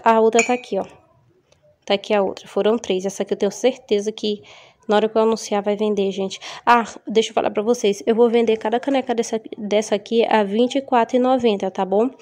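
A woman's voice: mid-range voice, darkish tone. A woman with a São Paulo Brazilian accent, chatting casually to her viewers at home as she shows off products she bought to sell. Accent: Brazilian Portuguese, São Paulo. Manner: chatty, addresses viewers as gente, upbeat. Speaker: vlogger selling gift kits. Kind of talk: casual show-and-tell vlog.

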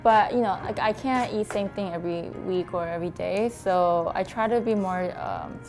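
A woman's voice: medium pitch, moderate pace, over music, rough recording. Chatty young woman, laughing guest. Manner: relaxed, chatty, laughs often, lots of "like". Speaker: guest, mukbang video creator. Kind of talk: casual interview chat.

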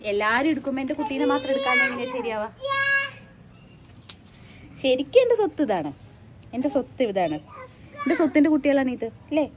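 Playful high-voiced woman. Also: huge pitch swings, brisk, pauses often. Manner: playful, teasing. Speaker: relative, cat owner. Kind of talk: casual family chat. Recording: loud background noise.

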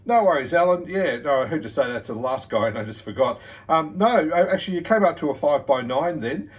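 Captured from a distance on a phone camera in an indoor room, this Australian ham radio operator speaks in a slightly high, animated voice at a brisk clip. He keeps the chat casual, friendly and encouraging from his radio desk.

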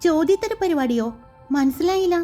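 A woman voicing a gentle young woman who asks soft, wondering questions. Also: very high voice, animated, fairly quick, soft background music, pitched above the performer's own voice. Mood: curious.

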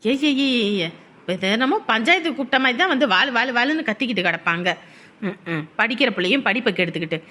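A woman's voice: a little high, expressive, fast talker. A woman playing a strict mother who scolds her son and argues with her mother-in-law. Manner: scolding, sharp, teasing. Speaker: mother in a family comedy. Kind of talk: village family comedy acting.

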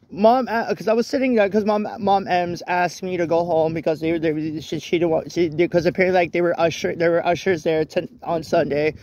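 A young man with a high-pitched voice talks into a handheld phone as he walks along a rainy street at night. He rambles, circling back with restarts and corrections. The sound is dry and close, with no room echo. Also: darkish tone. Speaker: vlogger. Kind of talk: casual walk-and-talk vlog. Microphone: phone camera held while walking.

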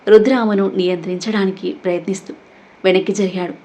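A woman narrating a romantic audio story in an even, steady storytelling voice. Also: medium pitch, fast.

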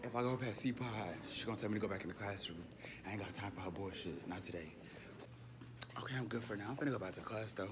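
A man's voice: fairly low pitch, quick pace. A young man, a student in his late teens, vlogging at school with a handheld camera, mumbling and swearing to the viewers. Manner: profane and mumbling to camera, loud and rowdy with friends. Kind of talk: casual vlog. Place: school hallways and rooms, indoors. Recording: noisy school with crowd chatter. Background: students chattering and ambient noise.

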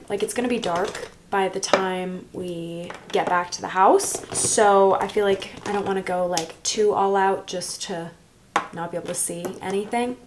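A woman's voice: mid-range voice, background noise. A bubbly, girlish American woman in her early twenties chatting casually in a get-ready vlog, peppering her talk with "like". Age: early 20s. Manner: bubbly, girlish sorority-girl chattiness with frequent "like". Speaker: college student vlogger. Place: small bedroom, indoors. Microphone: camera-mounted shotgun mic, close by.

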